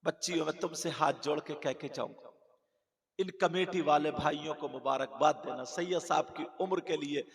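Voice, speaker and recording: A man's voice: a little high, fairly even intonation. A man preaching at a village religious gathering, telling a moral story dramatically and acting out a girl's cries. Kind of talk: sung-out Urdu sermon story. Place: open-air religious gathering. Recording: roomy loudspeaker echo, long reverb.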